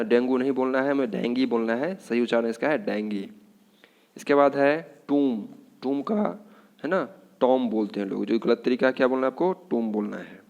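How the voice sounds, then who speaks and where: A man's voice: medium pitch, gravelly, darkish tone. A man with an Indian accent, a Hindi speaker, teaching English pronunciation in a classroom-style lesson, asking questions again and again. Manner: repetitive, keeps asking "what should we say".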